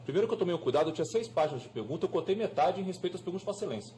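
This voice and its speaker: A man's voice: sits high, lively intonation, racing, dark tone, slight background noise. A man with a Brazilian Portuguese accent, a defense lawyer arguing urgently but with formal politeness to be heard. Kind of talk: courtroom argument.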